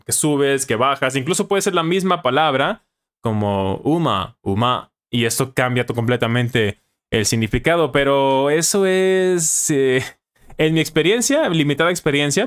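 A man's voice: mid-range voice, fairly bright tone. A young Mexican man with a Mexican Spanish accent, a YouTuber and English teacher reflecting casually on his own video, with frequent self-corrections and tag questions.

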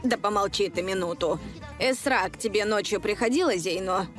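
A woman's voice: mid-range voice, moderate pace, lightly acted. A middle-aged mother voiced by an actress, worried and insistent, pressing in the style of dubbed television drama. There is music behind her voice.

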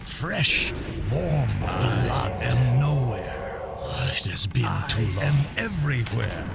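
A man voicing a calm, menacing evil entity that hungers for blood, with a gravelly, drawn-out, sinister voice in game character voice lines. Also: mid-range voice, over loud music, exaggerated voice. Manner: calm menacing whisper-like threats.

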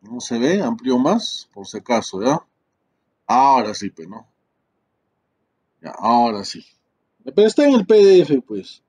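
Slow, chatty man teaching. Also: mid-range voice, very animated, a little mellow, husky. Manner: slow, chatty, tag questions, many fillers. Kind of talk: live screen-share tutorial.

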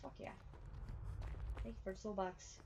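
A young woman streaming a game, jumpy and swearing, yelling at the screen as she plays. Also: mid-range voice, steady tone, normal speed, slight background noise. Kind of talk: live gameplay commentary.

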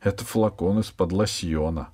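A man voicing an excitable, touchy schoolboy in an audiobook, talking loudly and eagerly. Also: deep voice, normal speed, breathy edge. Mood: explaining. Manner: shouting, excitable. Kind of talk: audiobook character voice.

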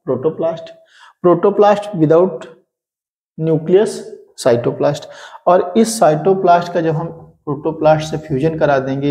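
Mellow-voiced man teaching with rhetorical questions. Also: on the high side. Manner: repeats rhetorical questions and answers them himself. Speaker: exam prep teacher. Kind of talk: explaining a lesson.

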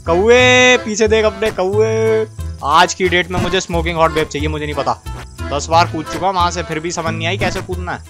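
A man hosting a casual let's-play, talking straight to his viewers and swinging between loud cheering and low muttering. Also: steady tone, fast talker, music in the background. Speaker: gaming video host.

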